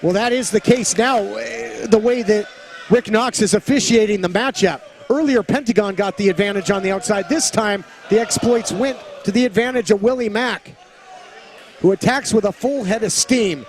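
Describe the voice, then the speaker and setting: A man calling a wrestling match play-by-play as an excited commentator, with loud, dramatic calls of the moves. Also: sits high, normal speed. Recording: loud arena crowd and music behind. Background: cheering crowd and music.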